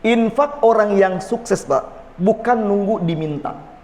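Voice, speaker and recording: A man's voice: high-pitched, slow, darkish tone. A man preaching a folksy, joking mosque sermon, often calling on his listeners directly. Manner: folksy, jokes with the audience, addresses "Pak". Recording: long reverb of a mosque hall.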